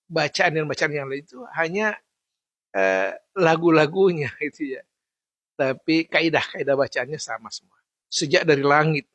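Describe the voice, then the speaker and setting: A man teaching how to recite a scripture passage correctly, patiently repeating and slowly chanting example words. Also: medium pitch, fairly bright tone, no echo. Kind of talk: instructional talk on recitation.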